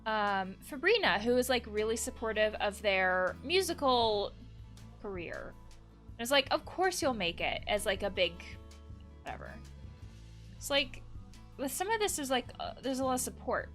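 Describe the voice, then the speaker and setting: A therapist who hosts a casual let's play reads in-game text aloud and reacts with chatty asides. Her slightly high voice is very animated and fairly bright, at normal speed, with soft music playing behind her.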